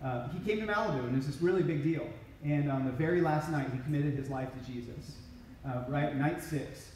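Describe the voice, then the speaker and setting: Middle-aged male speaker, lively storyteller, slightly high voice, booming hall sound from a distance. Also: fairly quick, a little hiss or hum. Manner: storytelling, animated, acts out quoted lines. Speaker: regional ministry director. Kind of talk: inspirational talk to a conference. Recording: echoey hall from off-mic.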